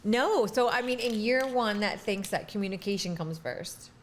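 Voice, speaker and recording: A woman's voice: medium pitch, moderate pace, a little hiss or hum. A woman co-hosting a podcast, talking bluntly and frankly in casual chat. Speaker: podcast co-host.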